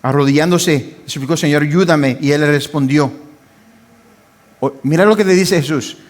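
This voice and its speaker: An older man preaches from the pulpit with fervour. His voice sits a little high, rising into loud pleading and dropping into quiet asides to his congregation. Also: normal speed. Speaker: pastor. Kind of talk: sermon.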